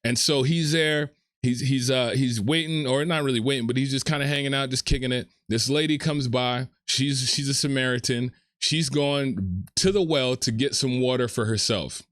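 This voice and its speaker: A man casually retelling a Bible story like a relaxed sermon, using slang and often repeating himself. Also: medium pitch, moderate pace, no echo, studio quality.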